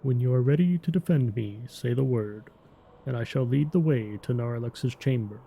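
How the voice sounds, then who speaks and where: A very dark, mellow-voiced Tauren druid played by a man speaks with grave, formal resolve, as in a fantasy game tale. His words come deliberately, over a noisy ambient background. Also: medium pitch, creaky, highs cut off, natural voice. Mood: grave, urgent. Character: solemn male Tauren druid disciple, earnest and resolute. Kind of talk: fantasy game lore storytelling.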